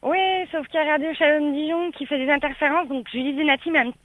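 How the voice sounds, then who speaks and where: A woman's voice: sits high, fairly even intonation, quick pace, dry recording, phone-quality sound. A woman from France on a live radio sports panel, outspoken and teasing, with firm opinions.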